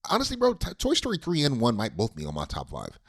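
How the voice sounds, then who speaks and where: A man co-hosting a casual movie review podcast, talking in a relaxed, rambling way with lots of fillers. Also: medium pitch, fast talker, no room sound, studio quality. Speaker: podcast co-host.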